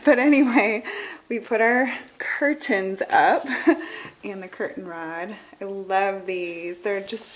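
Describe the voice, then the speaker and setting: Walking through the rooms of her house, a Michigan-accented vlogger in her forties chats her way through a casual home tour, laughing a lot and letting thoughts trail off. She speaks slowly at a medium pitch. The recording is low quality and carries a little background noise.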